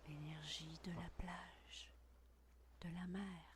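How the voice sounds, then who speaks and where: A woman whispering a guided meditation intimately, right by the ear, in a breathy, soothing, unhurried voice with long pauses. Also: on the low side, steady tone, slight background noise. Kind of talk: guided meditation, scripted narration.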